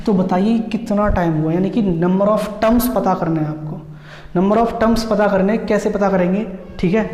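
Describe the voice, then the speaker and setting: Teaching an exam-prep maths lesson, a man speaks at a moderate pace in a high, slightly mellow voice. His explanations go step by step with key points repeated and frequent check-ins with students, recorded in an echoey, long-reverb room.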